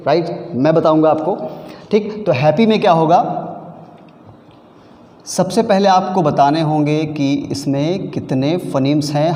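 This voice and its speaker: A man's voice: fairly high pitch, darkish tone. A man teaching a recorded exam-prep lesson, mixing Hindi and English, patiently asking questions and answering them himself. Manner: mixes Hindi with English, patient, addresses students as beta. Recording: echoey room.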